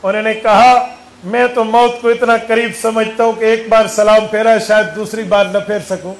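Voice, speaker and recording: A man's voice: sits high, level tone, normal speed, poor audio. A man preaching a sermon, asking his listeners rhetorical questions and counting aloud with them. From Saraiki-speaking region of Pakistan.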